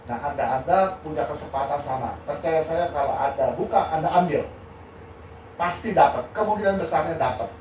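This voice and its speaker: Older male architect-lecturer, animated candid storyteller; roomy, noisy, distant recording. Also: on the high side, brisk. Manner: animated, candid, laughs while telling stories. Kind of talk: informal talk with storytelling.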